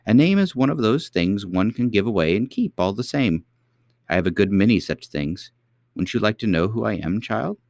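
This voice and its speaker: Man doing a gentle ancient queen. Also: on the low side, moderate pace, no room sound, studio quality, pitched above the performer's own voice. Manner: gentle, calm, patient. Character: kindly ancient queen grandmother.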